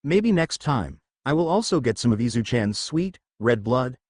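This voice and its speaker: A man's voice: mid-range voice, big pitch swings, moderate pace, darkish tone, no room sound, studio quality. A man voicing a giggly, obsessive young female villain in a read-aloud story. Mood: gleeful.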